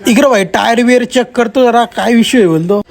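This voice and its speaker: Male vlogger, very high voice; teasing, mock-amazed comic voice-over. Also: a little fast, creaky.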